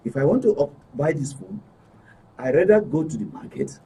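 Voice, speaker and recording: Speaking at normal speed in a mellow, sing-song voice on the higher side, a man with a Nigerian accent tells a personal story as a studio guest. He emphasizes by repeating and rewording himself, and the dull distant mic picks up faint noise behind him.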